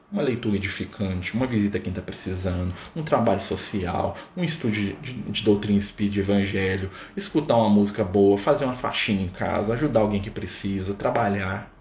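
A spiritist study leader runs an informal religious study on a livestream, talking conversationally and often checking in with his listeners. His voice is lowish with a darker tone, recorded in an echoey room with faint background noise.

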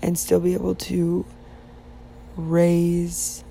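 Female podcast host, drowsy and hushed, slow mellow delivery, rambling monologue. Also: lowish voice, completely flat delivery, gravelly, slight background noise, rough recording. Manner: soft, half-whispered talk while her child sleeps; rambling, with many restarts and fillers. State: sleepy, yawning. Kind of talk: casual faith podcast monologue.

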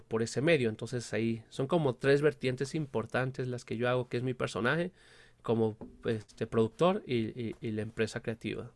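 A man's voice: mid-range voice, no room sound. Mexican man who can't pronounce his Rs. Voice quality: speech impediment, cannot pronounce the R sound properly. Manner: explanatory, often checks with "¿no?". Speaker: guest, film producer and director. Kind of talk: casual interview talk.

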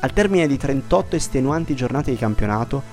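A man's voice: medium pitch, lively intonation, fairly quick, darkish tone, faint music behind. Italian male narrator, dramatic sports storytelling.

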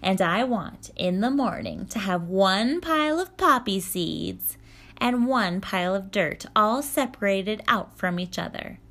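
A woman voicing a commanding, sarcastic old witch who speaks slowly and emphatically. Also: mid-range voice, lively intonation, fairly bright tone. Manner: slow, emphatic, nasal sarcastic drawl.

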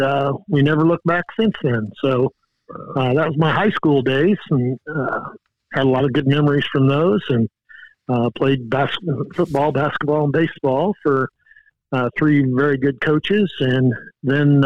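A man in his sixties from Indiana who played and coached high school football. He tells his story in a folksy, rambling way, full of fillers. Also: dry recording, muffled recording. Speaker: guest coach. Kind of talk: casual storytelling.

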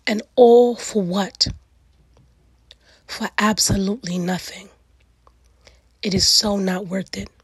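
A middle-aged woman with a raspy, gravelly voice hosts a solo reflective talk, speaking earnestly and emphatically in weighty repeated phrases. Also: mid-range voice, dry recording. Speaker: podcast host.

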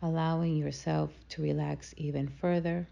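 A woman leading a guided meditation in a slow, soothing, calming manner. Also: sits low, gravelly, highs cut off.

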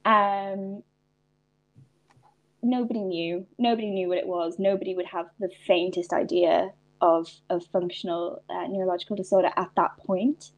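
A woman's voice: lowish voice, fairly even intonation, moderate pace, lo-fi sound. A young Irish woman, a podcast guest, talking reflectively in a casual interview with frequent restarts. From Ireland.

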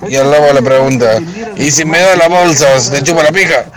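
A man telling a crude joke as a caller, in a plain, flat delivery. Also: a little high, brisk, a crowd in the background, poor audio.

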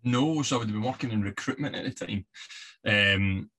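Speaking at a moderate pace, a Scottish man from the west of the country has a lowish, sharp-toned voice. He's a podcast guest in a relaxed interview, telling stories with fillers and laughter.

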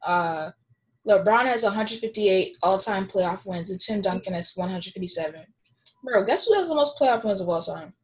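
A woman's voice: mid-range voice, expressive, moderate pace, poor audio. A young woman in casual chat, talking in slang like a keen sports fan.

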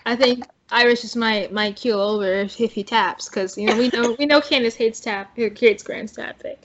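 A woman's voice: fairly high pitch, steady tone, normal speed, lo-fi sound, background noise. A woman hosting a casual TV recap chat, easygoing and hedging with fillers as she passes questions around. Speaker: podcast host.

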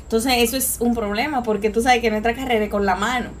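A woman's voice: a little high, fast talker, a little hiss or hum. A young woman with a Dominican accent, chatting with friends and telling stories with bursts of laughter. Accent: Dominican Spanish. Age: young adult. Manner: laughing, animated storytelling. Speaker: student. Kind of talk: casual chat.

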